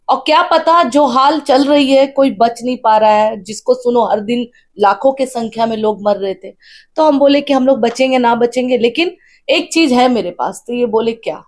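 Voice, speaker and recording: A woman, earnestly telling an interviewer her personal story with deep feeling. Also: normal speed, darkish tone. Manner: earnest storytelling, tearful at times. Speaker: interviewee, wife of a candidate. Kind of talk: emotional personal account.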